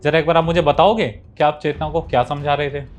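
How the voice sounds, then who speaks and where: A man's voice: on the high side, level tone, fairly quick, slight background noise, lightly acted. A man playing a protective son-in-law who firmly rebukes his wife's mother. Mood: polite. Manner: firm, reproachful. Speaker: husband character. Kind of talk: family drama acting.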